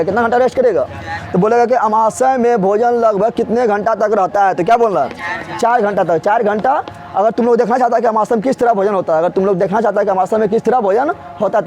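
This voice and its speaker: A man's voice: sits high, a little mellow. A man teaching a class, drilling students by asking each question and then repeating the answer several times, in plain everyday speech. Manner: colloquial, with regional Bihari turns of phrase. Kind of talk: classroom lecture with call-and-response drilling. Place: classroom with a board.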